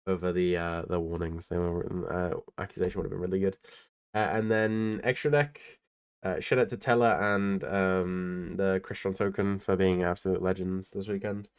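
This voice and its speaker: A tired young man gives a casual deck profile talk, rambling through his tournament card deck in a laid-back way with lots of ums and uhs. His voice is deep and smooth, level in tone, at a moderate pace.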